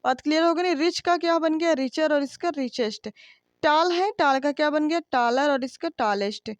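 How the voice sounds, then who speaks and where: A woman's voice: high voice, normal speed, no room sound. A woman teaching a grammar lesson, explaining patiently with rhetorical questions and frequent checks that the class understands.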